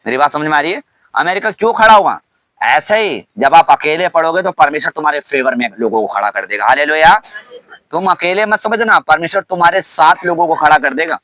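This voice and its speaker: A man pastor preaching a sermon, shouting hallelujah often and asking the congregation questions. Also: fairly high pitch, expressive, brisk, no room sound, low-quality recording. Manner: preaching with frequent hallelujahs and call-and-response questions.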